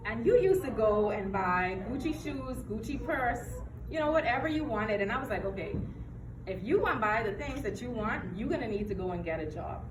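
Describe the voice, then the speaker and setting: A woman's voice: a little high, animated, moderate pace, noisy background. A young woman from the Bahamas giving an earnest personal testimony to an audience, acting out the words of people in her story. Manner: earnest storytelling with acted-out quotes. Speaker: testimony speaker. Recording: echoey hall, mic from far off. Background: room ambience.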